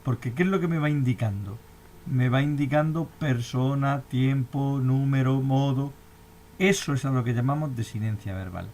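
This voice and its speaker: A man's voice: mid-range voice, moderate pace, a little mellow, a little hiss or hum. A man with a Spanish accent explaining a grammar lesson step by step, often asking if the class has understood. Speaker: teacher. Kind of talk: recorded lecture.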